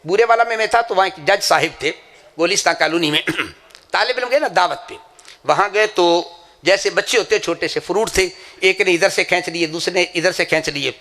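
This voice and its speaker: A man's voice: high-pitched, bright, forceful tone. A man from Pakistan preaching an impassioned sermon at a madrasa gathering, telling anecdotes and swearing to his sincerity.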